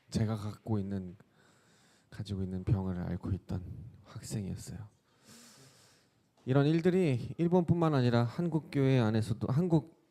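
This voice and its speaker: A man's voice: on the low side, vocal fry, mellow. A man pastor giving a sermon, telling a personal story and asking the congregation questions.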